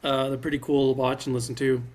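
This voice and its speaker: A man's voice: medium pitch, flat delivery, quick pace, darkish tone. A man co-hosting a podcast in casual chat, rambling, laughing often and swearing casually. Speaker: podcast co-host.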